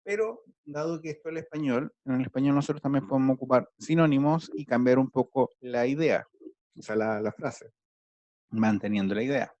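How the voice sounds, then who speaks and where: A man's voice: medium pitch, brisk, dark tone, no echo, lo-fi sound. A man teaching an online math class, patiently explaining each step to his students over a video call.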